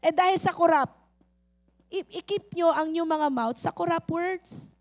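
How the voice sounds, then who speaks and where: Filipino lady pastor preaching, high voice, acts out little scenes, keeps asking the crowd hello. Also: normal speed. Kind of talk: sermon.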